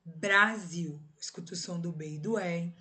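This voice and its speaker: A woman's voice: fairly low pitch, steady tone, a little fast, darkish tone. A woman with a Brazilian Portuguese accent giving a recorded lesson, explaining step by step and checking in with short tag questions. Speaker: teacher.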